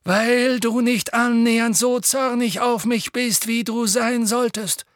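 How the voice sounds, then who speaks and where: Dumbledore, calm old wizard, read by a man. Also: extremely high pitch, no echo, studio quality, voice pushed up. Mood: firm. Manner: calm, measured, firm. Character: old wise male headmaster wizard, calm. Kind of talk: audiobook reading.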